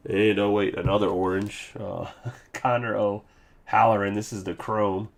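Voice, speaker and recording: A man's voice: lowish voice, flat delivery, unhurried, gravelly. A man hosting a live card break, casually recapping hits with loose jokes and asides. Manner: loose, joking, reads off card names.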